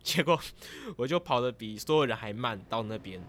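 A man at a middling pitch tells a dream in a casual, rambling way. He is lively and easily excited as he recounts the strange scenes. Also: a little fast. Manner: rambling and lively, grows excited as the story goes on. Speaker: vlogger.

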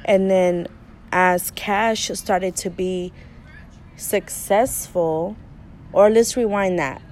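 A young woman leading a class discussion about a film, steady and posing questions to her partner. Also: medium pitch, drawn-out words, slight background noise. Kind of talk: discussion presentation.

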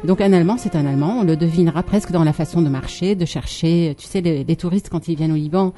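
A woman's voice: low-pitched, quick pace, mellow. A woman from Lebanon co-hosting a casual talk segment, chatty, with frequent fillers and laughs. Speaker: co-host. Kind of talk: casual studio chat.

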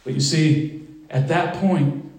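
Fervent high-voiced preacher in echoey church. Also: male voice, takes it slowly, a little mellow, distant mic. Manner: fervent, rising into emphatic preaching. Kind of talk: sermon. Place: church sanctuary.

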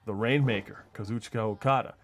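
A man's voice: lowish voice, quick pace, creaky. A man working as a wrestling commentator, calling live play-by-play in short, clipped phrases. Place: large arena event with live audience.

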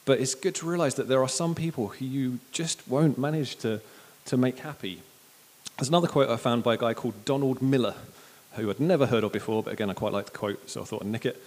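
Male preacher, relaxed and joking, sermon style, church reverb. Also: medium pitch, fast. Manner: casual, chatty and animated, with jokes and acted quotes.

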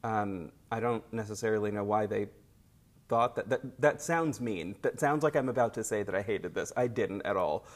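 A man hosting a podcast in casual chat, recorded at his workplace instead of his studio, so the audio is lower quality and a little echoey. He rambles with lots of fillers and restarts. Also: normal speed. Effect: lower-quality, slightly echoey recording. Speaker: podcast host.

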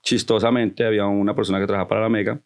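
Low-voiced chatty man telling his story. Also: flat delivery, very fast. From United States. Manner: chatty, switches between Spanish and English. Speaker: podcast guest, company founder. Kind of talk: casual storytelling interview.

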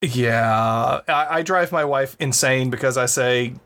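A man's voice: mid-range voice, slow pace, a bit bright. A man co-hosting a podcast in casual chat, playful and joking. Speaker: podcast co-host.

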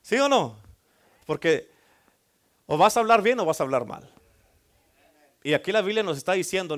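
High-voiced preaching man. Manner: call-and-response preaching, asks congregation for amens. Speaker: pastor. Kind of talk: sermon.

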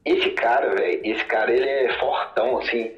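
A man's voice: medium pitch, fairly even intonation, moderate pace, a bit bright. A man rambles through a story over the phone, heavy with fillers. His voice comes down a muffled, lo-fi line with a hollow, echoey ring, and faint music sits behind him. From Minas Gerais, Brazil. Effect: heard over the phone. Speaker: caller. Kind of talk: casual storytelling.

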